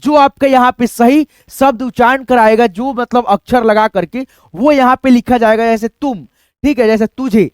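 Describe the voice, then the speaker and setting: A man's voice: extremely high pitch, moderate pace, clear, resonant tone, no echo. A man teaching a spelling lesson, explaining step by step, repeating each letter and calling viewers his friends. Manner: steady explaining, constantly addresses viewers as friends. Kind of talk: screen-based spelling lesson.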